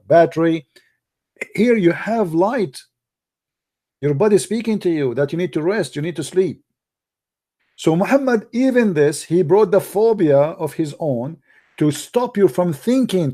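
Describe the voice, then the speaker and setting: A man delivering an animated, sarcastic ranting monologue in broken English grammar, often breaking into mocking laughter. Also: fairly high pitch. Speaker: online commentator.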